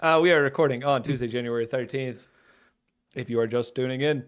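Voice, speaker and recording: A man's voice: medium pitch, fairly quick, smooth. A man hosting a casual podcast, upbeat and teasing. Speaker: podcast host. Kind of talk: casual chat.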